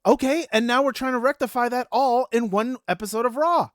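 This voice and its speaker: A man's voice: extremely high pitch, brisk, dry recording, studio quality. A man co-hosting a podcast, bantering playfully about wrestling. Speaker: podcast co-host. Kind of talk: casual wrestling chat.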